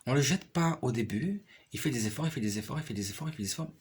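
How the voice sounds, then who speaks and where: A man with a husky, mid-range voice speaks fast and expressively in a casual personal conversation. He's a piano player and teacher who rambles at length, repeating phrases and frequently checking that his listener is following.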